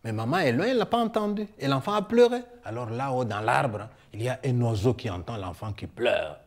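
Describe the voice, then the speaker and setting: A man's voice: mid-range voice, a little fast. A man telling a folk tale on stage with humor and leading an audience in a sing-along. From Congo. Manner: lively, coaxing, teacherly. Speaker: storyteller.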